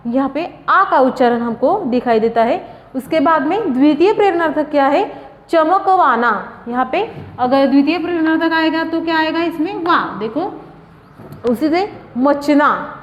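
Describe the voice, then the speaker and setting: A woman teaching a grammar lesson, explaining step by step and answering her own questions. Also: high voice. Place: classroom or coaching room. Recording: echoey room, dull lo-fi sound.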